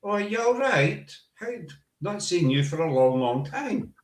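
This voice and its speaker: A high-pitched, sing-song male voice, a little slow, belongs to a Glaswegian podcast host from Scotland. Recorded in an echoey room, he chats casually and rambles through anecdotes stuffed with fillers.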